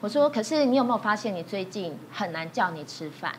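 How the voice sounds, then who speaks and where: A woman on a TV talk show telling an animated story about her daughter and acting out the quotes. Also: mid-range voice, fast talker, soft background music. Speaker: panel mother.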